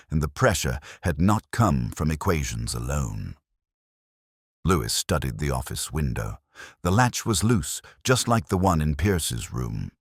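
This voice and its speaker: In a close, dry recording with no room echo, an audio drama narrator relates a detective mystery in the first person. His extremely deep voice carries a breathy edge, and his solemn, measured reading shows lively pitch movement across careful, literary phrasing.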